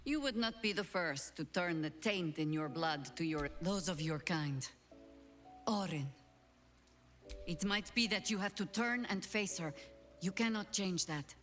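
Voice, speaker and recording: A performer playing a calm, cryptic otherworldly guardian in a video game, with a measured, formal, probing manner. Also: mid-range voice, soft background music, lightly acted. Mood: grave, watchful.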